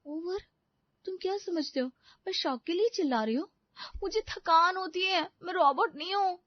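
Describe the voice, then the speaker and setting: Woman voicing cartoon young wife, indignant, sarcastic, high voice, dry sound. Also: normal speed, dry recording. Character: overworked young wife, frustrated and fed up. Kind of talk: animated family story voice acting. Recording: dry, slightly dull studio recording.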